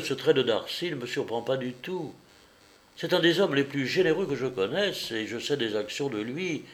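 A man's voice: mid-range voice, natural voice. A man doing an effusive society lady. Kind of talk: audiobook reading.

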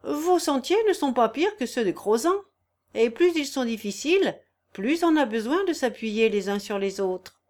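A woman's voice: on the high side, animated, moderate pace, a little mellow, lightly acted. A woman reading a pushy, overfamiliar young clerk.

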